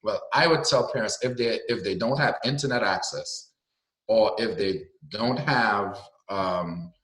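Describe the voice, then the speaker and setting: A man's voice: fairly low pitch, unhurried, fairly bright tone, echoey room, rough recording. A man working as a special education advocate, explaining guidance earnestly over a video conference call with many fillers. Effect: video conference call audio.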